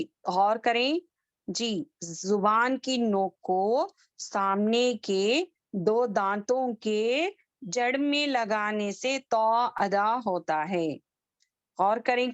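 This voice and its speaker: A woman teaching tajweed over a video call, her voice a little high and very dry, with no room sound around it. She speaks slowly and patiently, stretching out each letter as she drills the sounds. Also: no room sound. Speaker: Quran recitation teacher. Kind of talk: online tajweed class.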